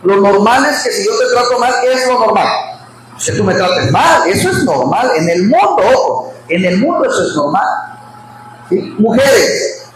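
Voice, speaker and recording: Male pastor, high voice, lively preaching style, quizzes the congregation, recorded in a very echoey hall with background noise. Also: moderate pace. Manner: animated, questions the congregation and laughs often. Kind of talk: expository sermon at a Bible study.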